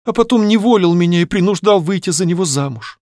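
A man reading an audiobook, voicing a frightened, tearful young noblewoman in a high pleading voice. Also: expressive, fast, a little mellow, no echo, studio quality. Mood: ashamed. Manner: high pleading voice, near tears.

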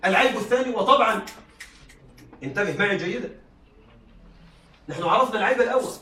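A man's voice: sits high, fast talker, sharp tone, a little hiss or hum. A male teacher giving a classroom lecture, often checking that his students are following. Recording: echoey room, mic far off.

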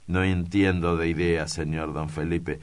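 A man voicing a hot-tempered, vengeful male priest who talks in loud, insistent outbursts. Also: deep voice, little pitch movement, a little slow, clear, resonant tone. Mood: blustering.

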